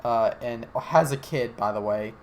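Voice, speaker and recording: Speaking a little slowly in a medium-pitched, darkish voice, this young Alabaman co-host jokes around, curses liberally, and wanders off topic in casual podcast chat. Slight background noise is present.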